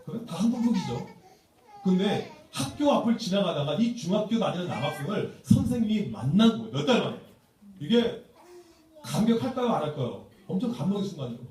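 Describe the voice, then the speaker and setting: A man's voice: high voice, very animated, fairly quick, darkish tone. A man who is a pastor gives a humorous seminar talk to church teachers. He tells stories in a playful way and acts out quotes. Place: church sanctuary. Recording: echoey church hall from far off.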